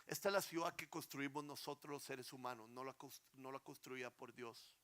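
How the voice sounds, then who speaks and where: Bright-voiced pastor preaching. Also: male voice, mid-range voice, steady tone, moderate pace. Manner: earnest, rising to emphatic peaks then dropping soft. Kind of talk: sermon.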